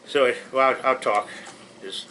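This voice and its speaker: A man's voice: medium pitch, measured pace, pushed and bright, a little hiss or hum, rough recording. A man teaching a pre-surgery class, explaining things in a plainspoken, reassuring way with frequent restarts. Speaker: patient educator.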